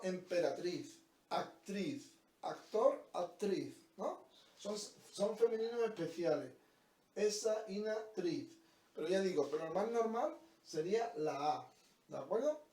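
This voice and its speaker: A teacher runs a grammar lesson full of examples and rhetorical questions, regularly asking "¿vale?" and "¿de acuerdo?" to check on his students. He has a high, dark-toned voice with lively intonation and a moderate pace, recorded from afar in a roomy space.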